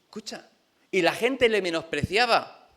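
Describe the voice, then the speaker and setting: Chatty pastor, bright voice. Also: male voice, high-pitched, measured pace. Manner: lively, chatty, rhetorical questions to the congregation. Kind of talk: conversational sermon. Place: church.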